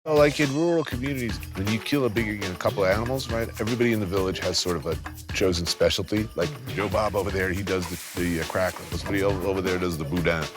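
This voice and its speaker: A man's voice: sits low, fast talker, music in the background. A man hosting a travel show, talking in rambling, offhand casual chat.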